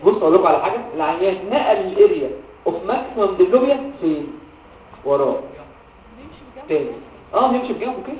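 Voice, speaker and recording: A man with an Egyptian Arabic accent lectures medical students in an animated way, dropping English medical terms into his speech and quizzing the class, often answering his own questions. His voice sits high, and he talks fast but with long pauses. He's far from the mic in an echoey room, with tinny, phone-like audio and slight background noise.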